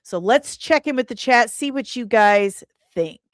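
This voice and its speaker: An unhurried woman with a somewhat high voice and lively intonation hosts an entertainment news livestream, chatting playfully with viewers' comments. She's irreverent and casual, using pet names and slang, and the recording is dry and studio-clean.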